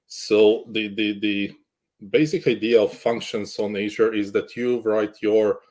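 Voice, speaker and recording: A man's voice: fairly low pitch, steady tone, unhurried, a little mellow. A man from Croatia, a guest in a casual interview chat, good-humored and jokey, often restarting his sentences. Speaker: guest, cloud architect.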